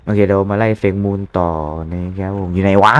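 A young man giving excitable, profanity-laced commentary as he plays a video game. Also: low-pitched, fast, smooth, highs cut off. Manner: excitable, swears a lot, yells at the game. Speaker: gaming streamer. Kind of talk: live gameplay commentary.

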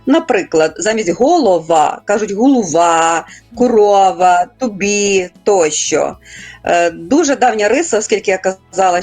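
A woman from Volyn, a guest linguist in a radio interview, explaining in a measured, lecturing way and carefully quoting dialect words. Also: medium pitch, darkish tone. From Volyn, Ukraine.

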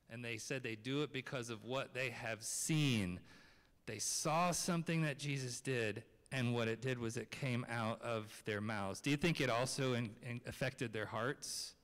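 A man's voice: mid-range voice, fairly bright tone. A man in his thirties giving a children's message in a large church, talking casually and asking the kids questions, into a handheld microphone. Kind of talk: children's sermon. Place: large church sanctuary, seated on chancel steps. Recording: long reverb of a church hall.

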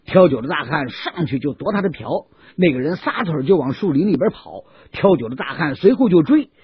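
A man narrating a classic tale as an audiobook storyteller, in a lively, expressive way, on a dull, dry lo-fi recording. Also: on the high side, fairly quick, slightly rough, dry recording.

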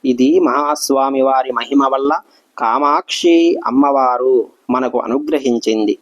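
A man narrating a devotional story in a steady, descriptive storytelling voice, in a dull lo-fi recording. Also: mid-range voice, a little slow, vocal fry.

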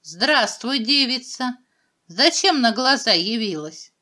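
Woman as bright-voiced bossy old witch Baba Yaga. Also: fairly high pitch, lively intonation, takes it slowly, heavily acted. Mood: demanding.

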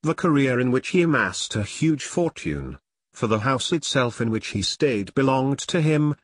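A man's voice: medium pitch, no room sound, clean studio sound, lightly acted. A man reading the lines of a proud, brooding royal prince in a grave, formal manner in an audiobook. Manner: grave, formal old-fashioned speech.

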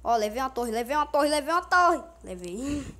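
A woman's voice: high-pitched, very animated, fairly quick, fairly bright tone. A young Brazilian woman giving casual, playful commentary on her own gameplay, repeating words in a sing-song way and laughing often. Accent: Brazilian Portuguese. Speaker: gaming youtuber.

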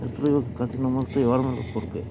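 A male vlogger digs through curbside trash on a residential street, chatting rapid-fire to viewers and repeatedly calling them "mi gente." His medium-pitched voice stays level, captured by a chest-mounted action camera amid loud street noise.

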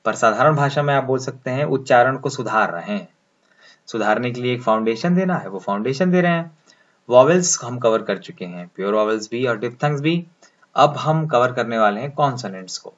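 A man's voice: mid-range voice, animated, fairly quick. Guy teaching phonetics, patient step by step, kinda dull lo-fi audio. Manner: patient step-by-step explaining, asks listener to repeat. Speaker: English pronunciation teacher. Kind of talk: phonetics lesson with transcription drills.

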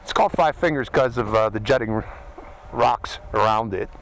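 Medium in pitch and normal in speed, this middle-aged Pittsburgh-accented man comes through on a low-quality recording. He hosts a drone channel and reviews a product in a chatty, step-by-step, hands-on manner outdoors. The setting is a windy desert canyon, captured by a hat-worn body camera with noisy outdoor action-camera sound.

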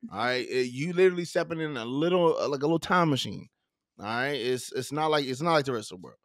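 A man from the American South hosts a casual podcast interview, his speech loose and full of fillers and restarts. He's fast and expressive in a mid-range voice, recorded with no echo on a studio mic with headphones in his home studio.

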